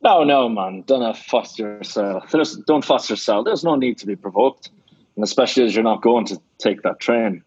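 An actor playing a shrewd, blunt middle-aged Scottish theatre owner, with a Scottish accent, in an old-time radio drama. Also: male voice, medium pitch, animated, normal speed, a little mellow, slightly rough, dry recording. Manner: blunt, scolding, sly. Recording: dull dry lo-fi radio recording.

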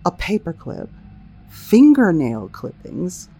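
A woman's voice: fairly low pitch, huge pitch swings, takes it slowly, warm tone, husky. A woman hosting a humorous solo talk show, speaking in a wry, teasing way with theatrical asides to listeners. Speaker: host of a sex-topic show.

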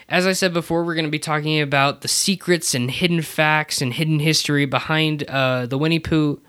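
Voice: mid-range voice, a bit bright, clear, resonant tone. A podcast host chatting casually and somewhat hesitantly. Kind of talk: casual chat about Disney.

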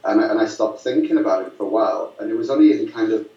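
Low-voiced man, distant roomy sound. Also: fast talker, mellow, muffled recording. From Lancashire, northwest England. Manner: rambling, many fillers and restarts, amused. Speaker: filmmaker guest. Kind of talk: casual storytelling interview.

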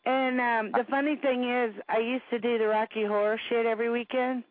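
A woman's voice: fairly high pitch, level tone, fairly quick, dry recording. Blunt, laughing woman host on tinny radio. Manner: frank, blunt storyteller who swears and laughs often. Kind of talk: casual chat. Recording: tinny phone-like radio sound.

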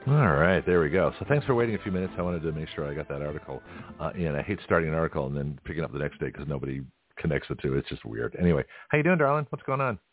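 A man hosting a casual radio talk show, chatty and rambling, his voice a little hoarse and scratchy from shouting. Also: rumbling low, animated, rapid-fire, narrow, tinny audio, soft background music. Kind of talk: casual live radio chat.

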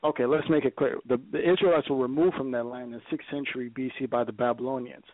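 A man's voice: mid-range voice, fairly even intonation, quick pace, dry recording. A man from Ethiopia calling in to a talk show, arguing history insistently in a lecturing way and stammering when cut off. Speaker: caller. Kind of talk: heated call-in debate. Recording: dry phone line.

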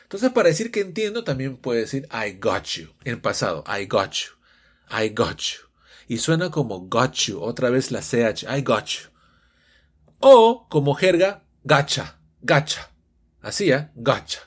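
A man teaching English phrases to Spanish speakers, explaining with animated energy and playfully acting out his students' questions. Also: medium pitch, unhurried, breathy edge. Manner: playfully acts out students' questions in raised voices.

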